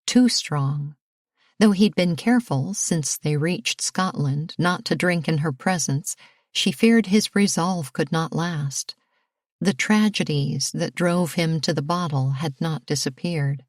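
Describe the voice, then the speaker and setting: A woman narrating a historical romance audiobook in a measured, expressive reading. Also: sits low, dry recording, clean studio sound. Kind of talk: scripted narration.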